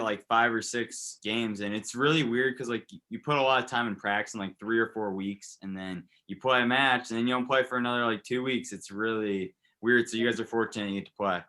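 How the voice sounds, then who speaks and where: A young man hosting a relaxed, joking interview and asking light would-you-rather questions. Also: mid-range voice, fairly quick. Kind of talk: casual interview chat.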